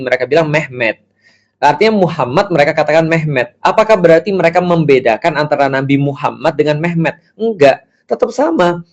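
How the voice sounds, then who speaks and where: A man giving a casual religious lecture as a preacher, lively and acting out the voices he quotes. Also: a little high, dull audio. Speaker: Islamic preacher.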